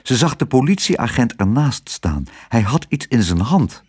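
A man reads a children's storybook aloud with lively, animated intonation, his pitch leaping up and down. His voice has a slightly husky, breathy texture. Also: unhurried. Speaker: narrator.

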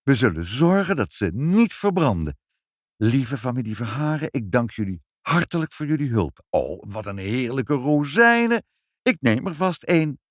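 A man's voice: medium pitch, sing-song, normal speed, dry recording, studio quality, lightly acted. A man voicing a dignified, commanding grown woman in a storybook reading. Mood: stately. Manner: stately and commanding. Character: dignified stern grown woman, the mayor's wife.

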